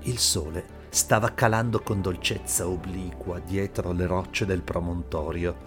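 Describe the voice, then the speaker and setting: Low-voiced man reading a story. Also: steady tone, unhurried. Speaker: narrator. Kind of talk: audiobook narration. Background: faint background music.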